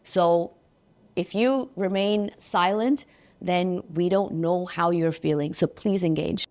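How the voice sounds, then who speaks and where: A woman running for office, answering interview questions in a measured, earnest, persuasive way. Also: on the low side, a little mellow. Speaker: election candidate being interviewed.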